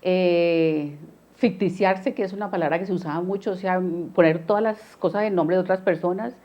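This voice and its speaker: A woman recalls hard times softly and hesitantly. Her voice is low and mellow. The recording sounds dull and lo-fi. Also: normal speed. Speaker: interviewee, a dentist and the lawyer's wife. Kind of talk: testimonial interview.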